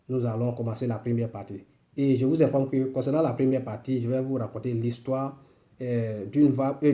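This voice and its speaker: A man from the country's northwest, hosting a weekly language lesson and telling a story at an unhurried pace with many filler pauses. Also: medium pitch, mellow. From northwest Côte d'Ivoire. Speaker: host and language teacher.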